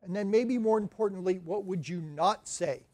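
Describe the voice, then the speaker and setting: High-voiced wry male librarian. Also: normal speed, a little mellow. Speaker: academic librarian presenter. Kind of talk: conference presentation.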